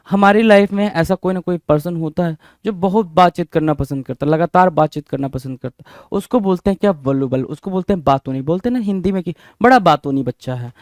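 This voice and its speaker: Energetic high-voiced vocabulary teacher. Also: male voice, no echo, clean studio sound. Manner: energetic, drills words with repeated questions. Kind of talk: exam-prep vocabulary lesson.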